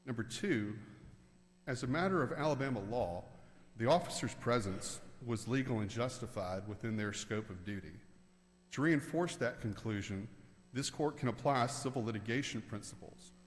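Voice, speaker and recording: A man delivering a formal legal oral argument as a lawyer, deliberate and emphatic. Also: medium pitch. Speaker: appellate lawyer. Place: large indoor auditorium. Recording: reverberant large hall.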